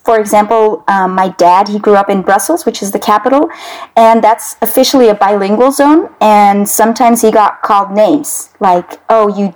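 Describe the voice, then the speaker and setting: A woman's voice: medium pitch, fairly even intonation, moderate pace, a little mellow, low-quality recording. A young woman from Belgium, a native Flemish speaker, chatting as an interview guest, chatty and easygoing with many fillers. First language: Dutch (Flemish). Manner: chatty, with frequent fillers and laughs. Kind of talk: casual conversation.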